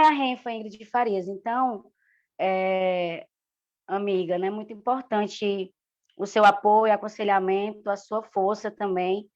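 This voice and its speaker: A woman's voice: mid-range voice, muffled recording. A Brazilian woman on a live stream, speaking affectionately and admiringly to a fellow activist. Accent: Brazilian Portuguese. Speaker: activist co-presenter.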